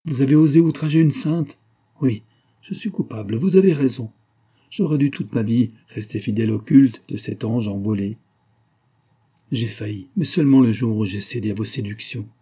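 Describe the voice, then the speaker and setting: Cold stern husband, sarcastic, dark, husky, man reading. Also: fairly low pitch, normal speed. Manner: icy, sarcastic delivery.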